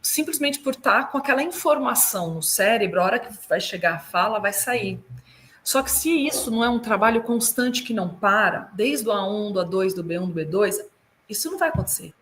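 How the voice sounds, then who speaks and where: A Brazilian woman consultant and German teacher giving lively, explanatory advice over a video call, sounding out German words to show how they are said. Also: medium pitch, a little fast, slight background noise. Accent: Brazilian Portuguese.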